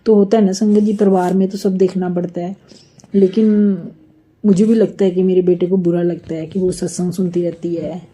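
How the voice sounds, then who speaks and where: A woman's voice: on the low side, level tone, normal speed, mellow, slightly rough. A middle-aged woman from India sharing a long, earnest devotional testimony, rambling and repeatedly addressing the listeners directly.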